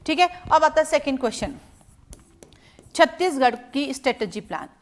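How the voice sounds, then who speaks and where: A woman with a high voice teaches an exam strategy lesson. She is a middle-aged coach from India. She advises her students directly and warmly, like a parent. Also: lively intonation, moderate pace.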